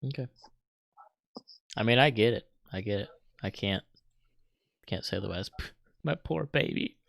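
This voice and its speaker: A man's voice: on the low side, a little slow, creaky, a bit bright, dry recording, studio quality. A man co-hosting a casual podcast debate, earnest and emphatic, repeating his points. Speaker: podcast co-host.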